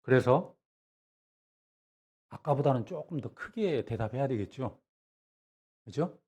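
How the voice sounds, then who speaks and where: A middle-aged male pastor delivers a revival sermon in a lively storytelling way. He keeps turning to the congregation with questions. He drops into a soft, low voice whenever he acts out a dialogue. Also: slow pace, breathy edge. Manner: animated storytelling, acting out dialogue in a hushed low voice.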